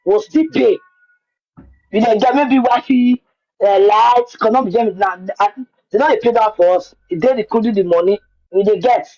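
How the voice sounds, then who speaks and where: Husky Nigerian woman speaking Pidgin, dull audio. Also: mid-range voice, normal speed, dark tone. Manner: repeats words for emphasis. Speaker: guest telling her own story. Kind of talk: personal account in conversation.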